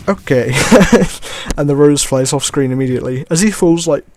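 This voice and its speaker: A man giving relaxed gameplay commentary as a let's play host, often chuckling and trailing off with shrugging asides. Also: on the high side, a little slow. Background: faint game music.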